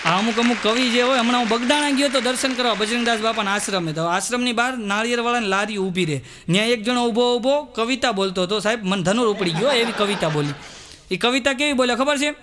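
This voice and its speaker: A man performs stand-up comedy, his voice sitting very high. He trades jokes and slow sung verses in a live show recording. An audience and steady noise are heard behind him. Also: crowd noise. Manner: storytelling jokes, sings verses slowly.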